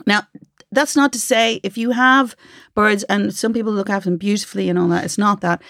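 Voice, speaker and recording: A woman's voice: medium pitch, fairly even intonation, a little fast, creaky, fairly bright tone, no room sound, clean studio sound. A woman from Ireland co-hosting a podcast in casual chat, bantering, laughing a lot and giving advice. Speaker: podcast co-host.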